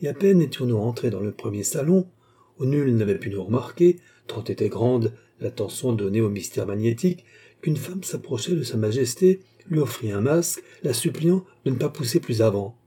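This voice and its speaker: A man voicing a calm, gentle noble princess whose replies trail off softly. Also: mid-range voice, normal speed, breathy edge. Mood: earnest. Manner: soft, simple replies trailing off quietly.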